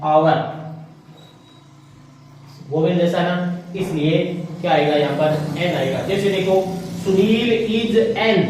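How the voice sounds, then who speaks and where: A man's voice: sits high, a little mellow. A man teaching English grammar and explaining it in Hindi. He keeps asking his own questions, answers them himself and repeats the key words. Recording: very echoey room, voice from far off.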